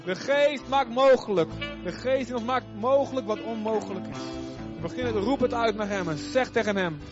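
A man's voice: high-pitched, fast, dull audio, over music. A man preaching and leading a congregation in fervent, repetitive prayer. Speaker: pastor.

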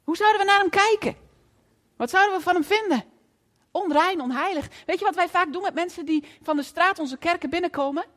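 A woman preacher delivering a lively storytelling sermon in a church, often asking the audience questions. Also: very high-pitched, fairly quick, long reverb tail.

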